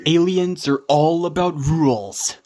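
A woman puts on a gruff male agent for a cartoon fan dub. The voice is very deep for a woman and somewhat husky, with terse deadpan lines over faint film music. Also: unhurried. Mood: dry, resigned.

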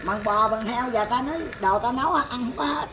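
An older woman telling stories in casual chat, animated and exclaiming often. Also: fairly high pitch, a little fast. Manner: animated storyteller, laughing and exclaiming. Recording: noisy outdoor recording with animals.

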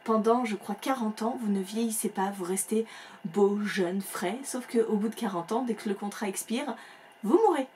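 A woman chats about new releases in a casual, enthusiastic way, often pausing on fillers. She talks at a mid pitch into a close mic at home. A faint hiss runs under the voice. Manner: chatty, warm enthusiasm with many fillers. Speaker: book vlogger. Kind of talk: casual book chat. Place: home room with bookshelves.

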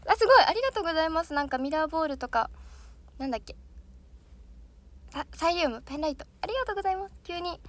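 A young woman, an idol trainee, chatting casually and bubbly with viewers on a livestream, laughing often. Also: high voice. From Japan.

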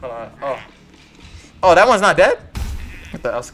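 A young man giving casual, slangy gameplay commentary in a low mumble, with faint music behind. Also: big pitch swings, normal speed, a bit bright. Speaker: gaming YouTuber.

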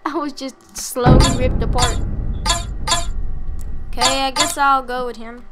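A young woman giving casual, self-mocking commentary over her gameplay, chatty with sudden loud bursts of excitement. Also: high-pitched, unhurried, very noisy.

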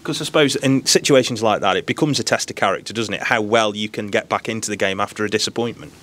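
Male club interviewer, quick and low, long leading questions. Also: fairly bright tone. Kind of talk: post-match interview questions.

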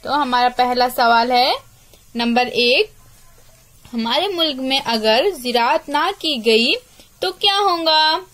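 A woman teacher with an Urdu-speaking Indian accent, reading a school lesson aloud slowly and clearly for young children. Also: sits high, fairly bright tone. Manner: slow, clear dictation to children.

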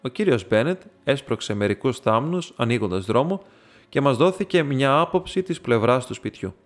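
Male reader, steady storybook narration, mid pitch, soft music bed. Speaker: audiobook reader. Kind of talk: reading a detective story aloud.

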